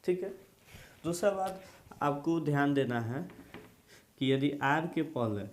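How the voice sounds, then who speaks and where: A man's voice: fairly high pitch, expressive, takes it slowly, slight background noise. A man teaching an English grammar lesson, drilling points again and again and quizzing his students, asking them to repeat after him. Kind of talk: classroom lesson explaining grammar. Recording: echoey room.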